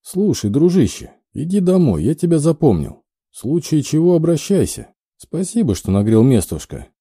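A man's voice: on the high side, very animated, moderate pace, warm tone, breathy edge, dry recording, studio quality, voice pushed up, full character voice. A man playing a smug young aristocrat in an audiobook, with a condescending drawl.

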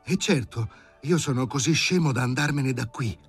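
A man's voice: mid-range voice, moderate pace, breathy edge, faint music behind, voice pushed up. A man voicing a crude, stubborn dog turned into a man, barking his words and spelling them out defiantly in an audiobook. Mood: insolent.

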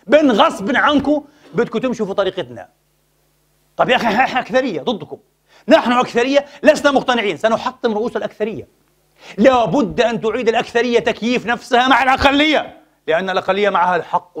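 Impassioned fast-talking male preacher. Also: high voice. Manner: impassioned, rhetorical questions. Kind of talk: sermon.

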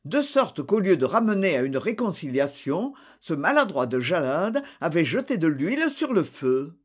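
A narrator giving a slow, expressive reading of a literary novel. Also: medium pitch, breathy edge. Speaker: audiobook narrator.

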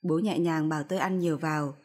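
Woman, storyteller, low voice, steady expressive narration. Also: fast.

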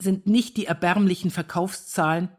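A woman's voice: fairly low pitch, steady tone, moderate pace, natural voice. Stern male scholar, curt, blunt, read by a woman, storybook reading.

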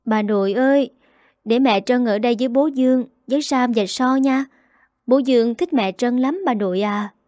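A woman's voice: fairly high pitch, moderate pace, a little mellow, dry recording, clean studio sound, close to an everyday voice. A woman voicing little twin children who speak sweetly and plead with their grandmother.

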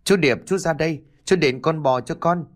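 A man's voice: animated, moderate pace, natural voice. A man voicing a stubborn, grieving young village girl, with a pleading, raised voice. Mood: angry, accusing. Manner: pleading, tearful, raised high voice.

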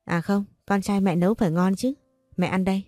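A woman's voice: medium pitch, fairly even intonation, brisk, mellow, dry recording, clean studio sound, soft background music, natural voice. A woman voicing a desperate, scheming older single mother who speaks in a pleading, anxious way. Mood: distracted.

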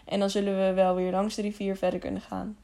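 A brave, steady young man from a storybook, speaking in an earnest voice of middling pitch, as a woman reader does him. He keeps his head when things turn dangerous. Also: fast, lightly acted. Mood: calm.

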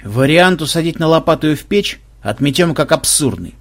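A man voicing a bossy male team leader who barks orders in a brisk, blustering way. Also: fairly high pitch, expressive, a bit bright.

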